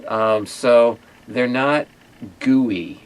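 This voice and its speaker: A man hosting a casual food tasting video, talking in a halting way with many pauses and fillers. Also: mid-range voice, clear, resonant tone. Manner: hesitant, many fillers and restarts. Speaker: ministry owner and host. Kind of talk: casual chat and taste test.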